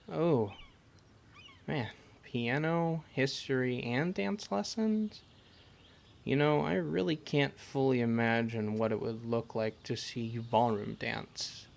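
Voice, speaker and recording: In a gentle, halting amateur audio roleplay, a man with a gravelly mid-range voice plays a caring, teasing adventurer comforting a party member. He sounds playful and curious, and the exchange is conversational.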